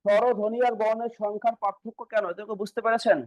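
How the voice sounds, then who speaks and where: High-voiced man teaching a grammar lesson. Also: level tone, quick pace, dry recording, muffled recording. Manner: repetitive, quizzing students and answering himself. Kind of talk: exam-prep grammar lesson.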